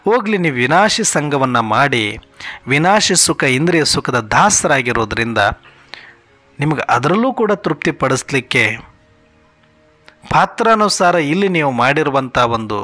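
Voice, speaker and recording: A man's voice: on the high side, lively intonation, moderate pace, long pauses, pushed and bright, soft background music. A man giving an earnest devotional sermon, asking one rhetorical question after another and speaking in God's voice to his children. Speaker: spiritual speaker.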